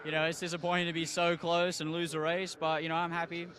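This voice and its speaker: A young man talks through his race in an easygoing way. His bright voice stays fairly flat in pitch. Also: fast. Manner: relaxed, laughs lightly. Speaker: racing driver. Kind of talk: post-race interview.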